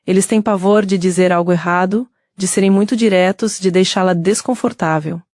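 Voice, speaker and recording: A woman's voice: on the low side, moderate pace, no echo. Woman narrating in a dry, close voice. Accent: Brazilian Portuguese. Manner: steady, explanatory, addresses the listener directly. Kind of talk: scripted narration.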